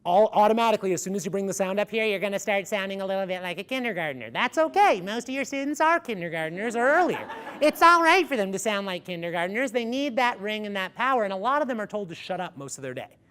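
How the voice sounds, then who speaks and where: A man presents a music education workshop to a live audience in a conference room, energetically coaching them through vocal exercises. His voice sits high and comes across as ringing, resonant, and clear, and he speaks fast in this conference workshop talk.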